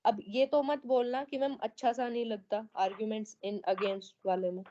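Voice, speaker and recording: A woman's voice: on the high side, level tone, a little slow, dark tone, highs cut off, slight background noise. A woman teaching an online class, going over students' essays and often checking that they follow. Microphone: online meeting audio.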